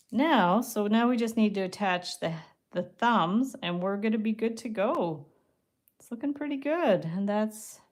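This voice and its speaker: This is a Canadian woman of medium pitch, talking through a craft project live and thinking out loud. Chatty overall, she lowers to a soft murmur or whisper as she concentrates on what her hands are doing.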